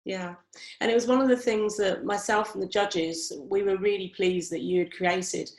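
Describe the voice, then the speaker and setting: Speaking on a video call in an echoey room with rough audio, this event host and competition organiser is British with Barbadian family roots. Her medium-pitched voice is steady, slightly mellow and moderately paced. She runs the online interview in a warm, encouraging way, filling gaps with frequent "um"s.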